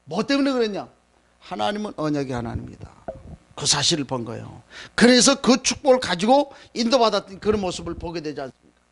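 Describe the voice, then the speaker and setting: A man preaching a Sunday sermon in Korean, retelling scripture in a conversational, animated way and acting out the quoted lines. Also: high-pitched, brisk, vocal fry. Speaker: pastor.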